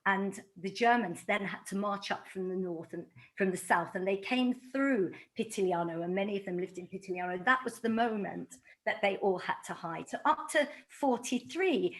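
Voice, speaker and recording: Brief: middle-aged London woman, author lecturing to a community group, mid-pitched and animated, acts out dialogue as she tells stories. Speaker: author giving a talk.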